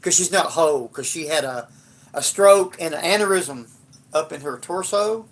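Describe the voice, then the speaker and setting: A man's voice: a little high, normal speed. An older man, telling a rambling, blunt and profane story in a casual livestream. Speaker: livestream host.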